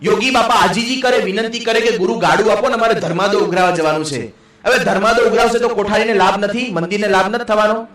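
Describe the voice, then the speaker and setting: A man, a monk, telling a story in a sermon, quickly and briefly voicing the characters in lower tones. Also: a bit bright. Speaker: monk preacher. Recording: echoey hall, distant mic.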